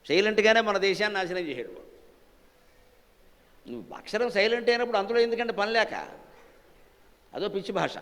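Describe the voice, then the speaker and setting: A man's voice: high-pitched, a bit bright, in a large hall. A man giving a religious discourse, emphatic and scornful, firing off rhetorical questions at his audience. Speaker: spiritual discourse speaker. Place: temple hall in front of a live audience.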